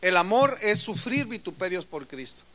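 A male pastor preaching a sermon, swinging from loud emphatic lines to soft asides. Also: sits high, sing-song, normal speed.

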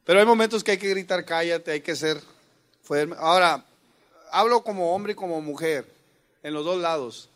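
A middle-aged man, a pastor giving a humorous sermon; he jokes with the congregation, calls them brothers, and suddenly shouts quoted commands. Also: sits high, normal speed, pauses often.

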